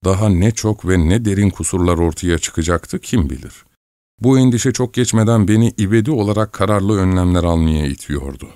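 Male audiobook narrator, very low voice, measured storytelling, dry close recording. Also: no room sound. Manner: measured, expressive first-person storytelling.

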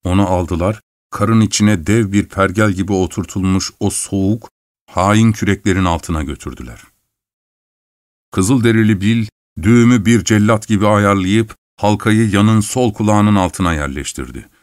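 A man narrating an adventure story aloud in a dramatic, measured reading. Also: lowish voice, no room sound, studio quality. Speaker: audiobook narrator.

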